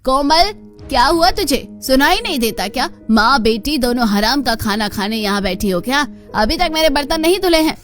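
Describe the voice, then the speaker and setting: Mean shouty cartoon aunt, high voice, bossing everyone around, faint music behind. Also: female voice, normal speed. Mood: scolding. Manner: scolding, shouting, insulting. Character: harsh bossy middle-aged aunt. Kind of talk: cartoon voice acting.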